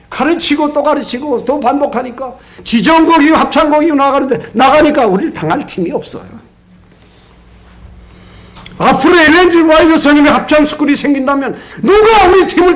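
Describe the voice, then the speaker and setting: An older man preaching a sermon as pastor, telling stories with lively swings between loud emphasis and quiet asides, and leading the congregation in responses. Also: very high-pitched, moderate pace. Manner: leads the congregation in call-and-response.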